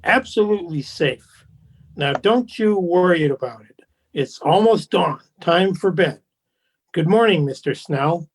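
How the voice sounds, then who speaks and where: A man acting as a suave, insincere gentleman in a radio drama. He speaks very slowly with affected politeness, his pitch sliding up and down in smug, teasing curves. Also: animated, slight background noise. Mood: falsely reassuring.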